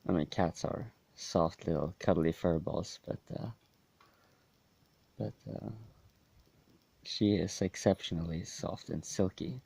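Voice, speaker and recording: Very deep-voiced hungover Norwegian man. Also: gravelly, warm tone, poor audio. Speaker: vlogger. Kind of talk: casual rambling vlog.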